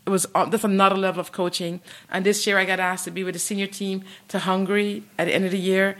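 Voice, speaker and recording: A woman's voice: mid-range voice, flat delivery, fast talker, a bit bright. Woman, 60s, Canadian; podcast guest, enthusiastic storyteller. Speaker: guest, martial arts coach. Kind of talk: podcast interview.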